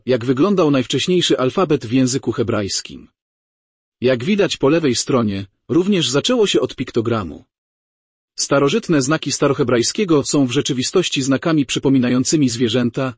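A man's voice: mid-range voice, expressive, moderate pace, breathy edge, dry recording. A man lecturing a university class in an explanatory manner, sketching signs as he speaks. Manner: explanatory, drawing on a board as he talks. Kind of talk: classroom lecture on ancient writing.

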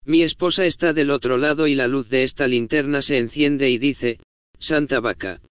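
Middle-aged male pastor, smooth voice, folksy sermon storytelling, slightly dull recording. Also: medium pitch, fairly even intonation, normal speed, no room sound. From United States. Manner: folksy storytelling, conversational asides.

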